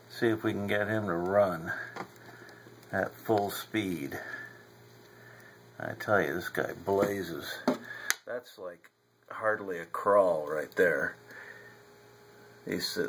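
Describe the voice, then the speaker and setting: A man from upstate New York, a home videographer, chats casually and folksily while filming in his cool basement, recorded through a handheld camera mic. His voice is on the low side and a bit bright, and he speaks unhurriedly with frequent fillers.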